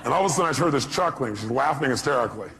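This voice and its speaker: A man giving a motivational seminar talk, animated and acting out the voices he quotes, sometimes shouting. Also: medium pitch, racing, vocal fry, a crowd in the background. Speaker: motivational speaker.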